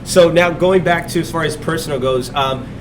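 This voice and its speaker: Relaxed man hosting, mic set back. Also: fairly high pitch, normal speed, recorded from a distance, background noise. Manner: relaxed, many fillers and restarts. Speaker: podcast host. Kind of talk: casual interview. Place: restaurant dining room.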